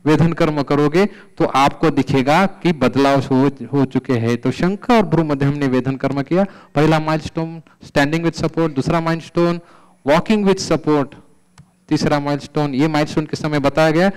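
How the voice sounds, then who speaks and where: A middle-aged man giving an animated conference lecture, telling patient stories and quoting Sanskrit verses. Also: fairly high pitch, a little slow, clean tone, rough recording. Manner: animated, mixes English terms and Sanskrit verses. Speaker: Ayurveda lecturer. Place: conference hall.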